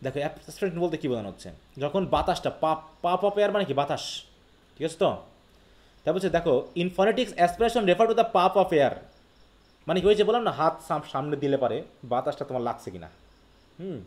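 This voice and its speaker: High voiced bangladeshi guy teaching live class, reads english slow then explains, keeps checking students get it. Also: animated, darkish tone. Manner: explains step by step, often checking that students follow. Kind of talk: live lecture.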